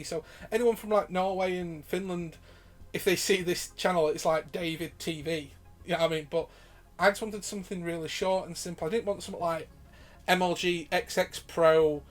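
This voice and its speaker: A man hosting his gaming channel, casually answering viewer questions while giving live gameplay commentary. He rambles, swears freely and laughs often. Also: sits high.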